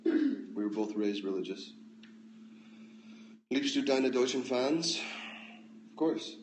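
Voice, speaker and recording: A man's voice: medium pitch, slow pace, a little hiss or hum. Laid-back American man on a phone livestream. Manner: relaxed, offhand, dry replies. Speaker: livestream host. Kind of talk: casual livestream chat reading comments. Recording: echoey room, faint ambience.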